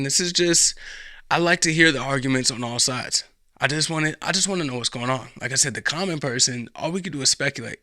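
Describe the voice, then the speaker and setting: A man's voice: medium pitch, sharp tone, no room sound, clean studio sound. A young American man giving casual political commentary as a podcast host, rambling and often restarting his sentences. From United States. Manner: rambling, repeats himself, frequent restarts.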